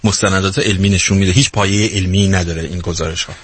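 A male host with a low, husky voice puts reflective questions to his guests. He pauses to find his words as he goes. The sound is close and dry. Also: fairly even intonation, a bit bright, no room sound. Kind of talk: interview questioning.

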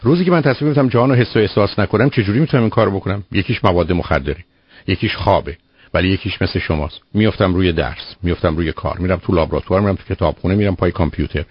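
On a radio call-in show, a psychologist host with a low, slightly rough voice gives a caller direct, lecturing advice laced with pointed rhetorical questions. The broadcast audio is muffled, with no echo.

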